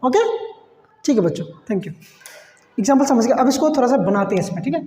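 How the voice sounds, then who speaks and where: A man's voice: extremely high pitch, lively intonation, a little fast, darkish tone, roomy sound, big-room sound. A man teaching biology to students, repeating key terms, quizzing the class and mixing in English phrases. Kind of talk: classroom lecture.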